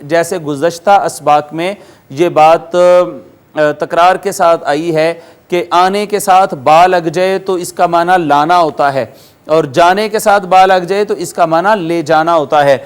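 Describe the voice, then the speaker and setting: A male lecturer with a Pakistani Urdu accent teaches Arabic grammar to viewers. His voice sits high and sounds smooth and clear. He works through each word methodically and repeats its meaning patiently. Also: fairly even intonation. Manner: chants Quranic words slowly in a drawn-out recitation tone. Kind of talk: classroom-style recorded lecture.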